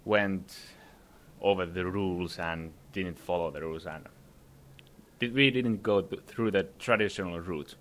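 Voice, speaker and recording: This young filmmaker, being interviewed at a conference summit venue, has a low-pitched, fairly bright voice and speaks at a measured pace. He hesitates, fills his answers with fillers, and laughs while talking.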